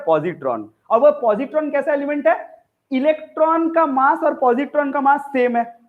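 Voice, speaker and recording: A male teacher giving a live physics lecture to a classroom in a chatty, joking way, often quizzing his students. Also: very high-pitched. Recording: tinny phone-like sound.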